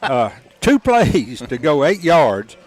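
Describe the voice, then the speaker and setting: Drawling radio color commentator. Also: male voice, a little high, sing-song. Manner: measured, drawling, teasing. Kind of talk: local radio football commentary.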